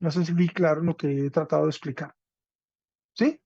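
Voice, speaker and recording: A man's voice: fairly high pitch, steady tone, normal speed, vocal fry, dark tone, husky, no echo. A man teaching a Greek class online, explaining step by step and often checking in with his students. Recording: dull, dry lo-fi audio.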